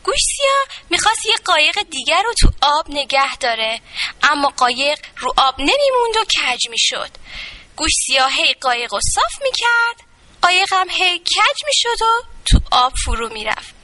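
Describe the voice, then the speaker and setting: A woman narrating a children's story in an expressive read-aloud manner. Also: high voice, no echo.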